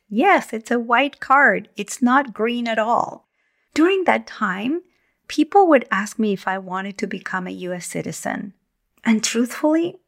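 A woman, hosting her podcast as a communication coach in a calm, measured, gentle way. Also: medium pitch. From Argentina. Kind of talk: scripted podcast monologue.

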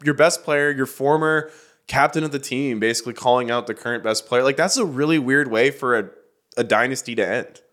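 A man co-hosting a sports podcast in a studio, talking in a lively, casual way, repeating himself and rattling off stats. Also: medium pitch, fairly quick. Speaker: podcast co-host.

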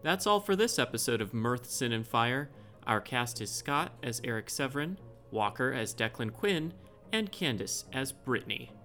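A man's voice: mid-range voice, big pitch swings, moderate pace, sharp tone, far from the mic, soft background music. A man narrating a tabletop game casually as game master and host.

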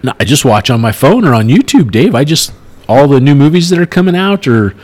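Lively, chatty man with a lifting voice. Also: mid-range voice, brisk. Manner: chatty, teasing. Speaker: podcast co-host. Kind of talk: casual podcast chat.

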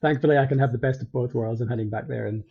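A middle-aged Scottish man chatting as an interview guest, relaxed and rambling, restarting his sentences often. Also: mid-range voice, very fast, vocal fry, breathy edge, highs cut off. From Scotland. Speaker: guest, company co-founder. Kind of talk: casual interview chat.

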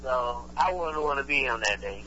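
A man's voice: medium pitch, lively intonation, moderate pace, pushed and bright. A man calling in to a podcast, heard over a speakerphone, laid-back and giving mostly short answers. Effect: phone call heard over speakerphone. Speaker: caller to the podcast. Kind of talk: casual chat. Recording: muffled speakerphone with faint hum.

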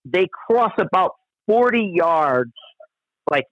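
Man telling a rambling story, slightly high voice. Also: sing-song, slow pace, no echo. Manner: rambling, profane, frequent restarts. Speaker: guest storyteller. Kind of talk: casual spoken anecdote. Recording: dull, dry lo-fi recording.

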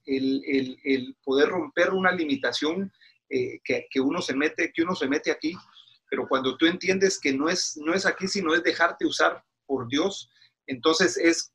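Middle-aged pastor from Guatemala, bright husky voice, earnest preacherly interview guest. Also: male voice, fairly high pitch. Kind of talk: casual interview talk.

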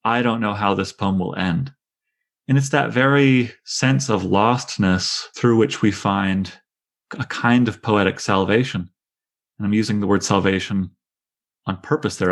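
A middle-aged male teacher leading a class discussion on poetry, reading lines aloud and asking his students questions. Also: lowish voice.

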